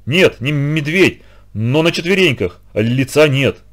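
A man's voice: fairly high pitch, lively intonation, measured pace, fairly bright tone. Male reader doing a scared, stammering young boy for a storybook, jumpy and panicky.

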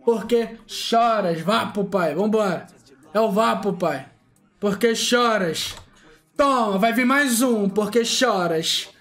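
Faint music sits behind a high-pitched gaming streamer who takes his time narrating gacha pulls. Excited and boastful, he taunts, drags out chanted catchphrases, and shouts and laughs loudly when the pulls go his way.

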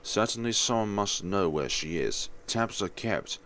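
A man voicing a prim, dry male aide from a visual novel in a formal, measured way. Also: lowish voice, lively intonation, fairly bright tone, a little hiss or hum.

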